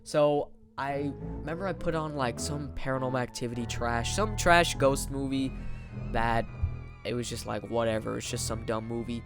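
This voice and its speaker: A young man tells a loose, rambling story in casual slang. He leans on filler words as he goes, at an ordinary middle pitch. Soft music plays faintly underneath. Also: normal speed. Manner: rambling, slangy, lots of "like" and "bro". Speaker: vlogger.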